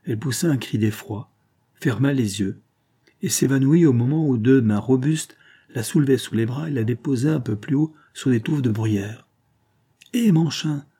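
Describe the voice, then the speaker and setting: A man narrating a classic novel as an audiobook in a steady, measured storytelling manner. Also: medium pitch, slightly rough. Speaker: audiobook reader.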